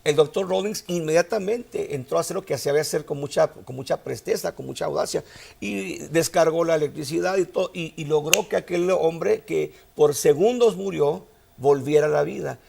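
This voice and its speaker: A man's voice: fairly high pitch, moderate pace, gravelly, darkish tone, slight background noise. A male pastor preaching a sermon, telling a story and rising to emphatic outbursts.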